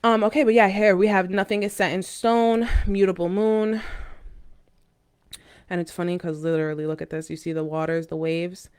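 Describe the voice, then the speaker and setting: A woman giving a casual, mystical horoscope and tarot card reading to viewers in a halting, informal way with intuitive asides. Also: lowish voice, fairly even intonation, a little mellow, smooth.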